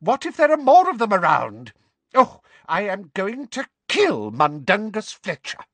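A man voicing a batty, frantic old woman neighbour who scolds in a shrill, shrieking voice. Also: wildly swooping pitch, moderate pace, fairly bright tone, slightly rough, no echo, heavily acted. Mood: frantic scolding. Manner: fussy, breathless scolding.

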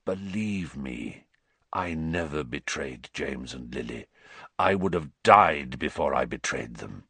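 A man voicing a gaunt, haunted male fugitive who speaks low, quietly and with a croak for an audiobook. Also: expressive, slow pace, no room sound, heavily acted. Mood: brooding. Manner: quiet, brooding. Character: gaunt, haunted escaped male prisoner, bitter, intense.

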